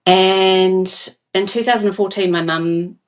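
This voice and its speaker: A woman from New Zealand, a podcast guest, speaking softly and earnestly and often repeating words as she starts a thought. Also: mid-range voice, fairly even intonation, measured pace, recorded from a distance. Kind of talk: podcast interview.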